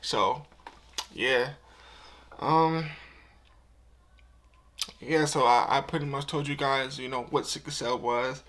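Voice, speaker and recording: A man's voice: mid-range voice, fairly even intonation, slow pace, long pauses, fairly bright tone. A young man of twenty talking to camera in a heartfelt, emotional vlog, earnest and casual, often repeating himself. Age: 20s. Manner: casual slang-filled talk. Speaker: YouTuber.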